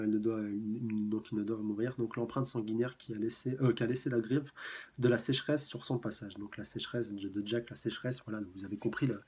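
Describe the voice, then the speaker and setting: A man's voice: mid-range voice, dark tone, breathy edge. A young man casually reviewing a manga chapter, rambling with many fillers and restarts, and reading panels aloud.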